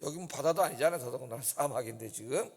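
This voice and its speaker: A male pastor preaching a dawn service sermon, animated and often putting rhetorical questions to the congregation. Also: mid-range voice, quick pace, husky. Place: church sanctuary. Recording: church hall reverb.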